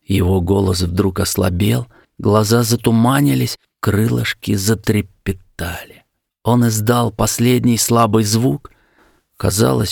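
A man narrating a fairy tale in a slow, expressive storytelling manner. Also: fairly low pitch, creaky, breathy edge, dry recording, clean studio sound.

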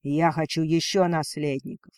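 A man voicing a cold, domineering male dragon lord in a storybook reading, speaking slowly and with contempt. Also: a little high, level tone, darkish tone, smooth, no echo, clean studio sound, lightly acted. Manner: slow, commanding, contemptuous.

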